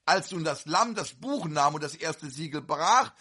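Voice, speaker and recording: A man preaching a fervent sermon to a congregation, with sudden loud outbursts. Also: fairly high pitch, animated, measured pace, slightly rough.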